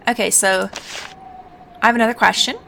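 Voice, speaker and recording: A woman's voice: on the high side, fairly even intonation, fairly quick, vocal fry, bright, forceful tone, slight background noise. A woman hosting a casual let's play, musing aloud informally as she comments on the game. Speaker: gaming host.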